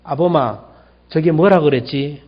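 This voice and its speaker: A man voicing a forgetful grandfather in his eighties who keeps asking the same question, in a slightly lower voice. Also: a little slow. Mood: confused. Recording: dull lo-fi church recording.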